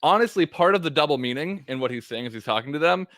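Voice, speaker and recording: A man playing a tabletop game, explaining his moves casually and haltingly as he thinks aloud. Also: a little high, expressive, a bit bright, no room sound, studio quality.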